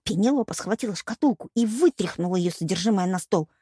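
A woman's voice: medium pitch, animated, fast, warm tone, breathy edge, no room sound. A woman narrating a first-person storybook with a wry, dry delivery. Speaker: audiobook narrator.

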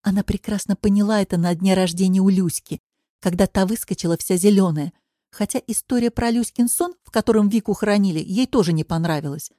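A woman narrating an audiobook in a steady storytelling manner. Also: mid-range voice, a little fast, no room sound, studio quality. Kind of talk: audiobook reading.

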